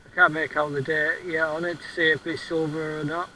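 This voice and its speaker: A man with a somewhat raised pitch talks casually outdoors on a beach. He muses over his metal detecting finds in a relaxed, unscripted way. He hesitates and often repeats a word before going on. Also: fairly quick, a little hiss or hum, low-quality recording. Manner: musing, hesitant, repeats words while looking at finds.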